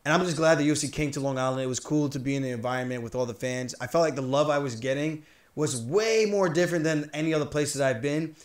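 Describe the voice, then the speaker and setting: Brief: upbeat man from New York, quick talker, roomy echoey room. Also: fairly high pitch. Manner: quick, upbeat, laughing storyteller. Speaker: podcast host and fighter. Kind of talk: casual chat. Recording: roomy echo.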